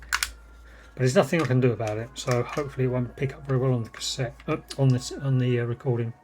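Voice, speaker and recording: A British vlogger talks fast, with fairly even intonation, while rambling about vintage cassette gear in an unscripted unboxing. His voice is medium-pitched, and the background is noisy.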